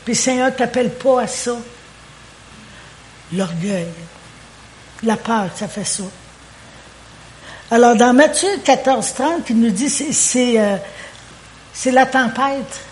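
Woman, Québécois French accent, preacher, lively sermon delivery, fairly high voice. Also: takes it slowly, pauses often, slight background noise. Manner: animated, acts out quoted prayers and dialogue; repeats words while searching for phrasing.

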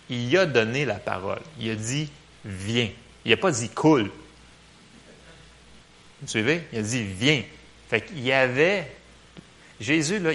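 A man with a Québécois French accent, preaching a casual sermon in a church, lively and joking, full of fillers. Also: medium pitch.

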